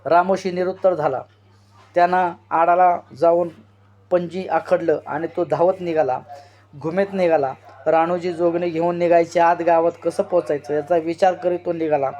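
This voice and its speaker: A man reading a novel aloud as an expressive storyteller, drawing out shouted cries. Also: fairly high pitch, moderate pace. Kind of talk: dramatic literary reading. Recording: dull lo-fi recording.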